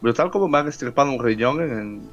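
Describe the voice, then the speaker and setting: A man's voice: medium pitch, lively intonation, fast talker, fairly bright tone. Man, casual player chat, muffled call audio, light background music. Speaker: tabletop game player. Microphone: video call.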